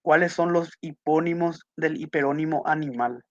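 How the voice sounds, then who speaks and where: A man's voice: a little high, normal speed, no room sound. A man teaching a class, patiently going over test answers and repeating key points with little checking questions. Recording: muffled dry lo-fi audio.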